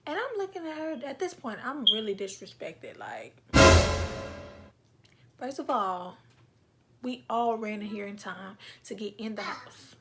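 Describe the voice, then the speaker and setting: A woman's voice: mid-range voice, very animated, a little slow, pauses often, music in the background. A young woman vlogger tells a story dramatically, acting out voices and dropping into whispered asides. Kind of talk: animated storytelling.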